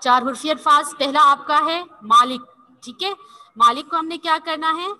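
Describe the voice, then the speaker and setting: This Urdu teacher's voice sits high and sounds pushed and bright, captured roughly through a video call. Leading an online language class, she keeps saying "theek hai" as she checks in with her pupils, patiently coaxing them while slowly spelling each word letter by letter.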